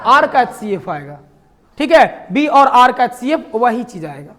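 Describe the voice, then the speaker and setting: High-pitched math teacher, keeps asking the class stuff and answering it himself, cracks jokes. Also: male voice, very animated, unhurried, a bit bright, some chatter behind. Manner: asks the class questions and answers them himself, with jokes in between. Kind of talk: classroom lecture.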